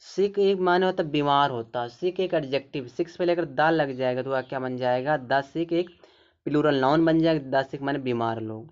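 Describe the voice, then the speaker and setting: A man teaching a grammar lesson with a smooth, resonant voice. He walks through each point slowly and asks himself questions before answering them. The recording sounds somewhat dull and lo-fi. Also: a little high. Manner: explains step by step, asking and answering his own questions. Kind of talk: explaining a grammar lesson in Hindi.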